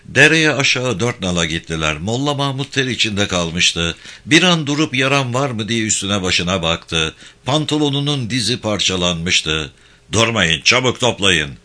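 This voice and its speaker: A man reading a war story aloud as narrator, in steady, dramatic scripted narration. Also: on the low side, normal speed.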